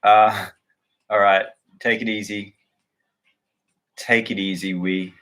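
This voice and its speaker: An Australian man talks loosely through a live stream, greeting viewers and answering their comments. His voice is bright and forward. He rambles a little, with fillers and restarts. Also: on the low side, flat delivery, slow pace. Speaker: livestream host.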